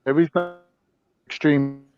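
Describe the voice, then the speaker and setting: A man on a video call whose voice keeps breaking up over a bad connection. His speech comes out halting and is cut off mid-word. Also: fairly high pitch, fairly even intonation, soft background music. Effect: breaking up over a bad online connection. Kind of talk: casual debate on a video call. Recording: dull lo-fi call audio.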